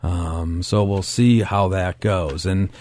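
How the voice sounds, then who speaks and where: A male radio host chatting casually and haltingly, often checking in with "you know" and "right". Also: low voice, steady tone, a little mellow, no echo. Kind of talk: casual co-hosted radio chat. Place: dry radio studio.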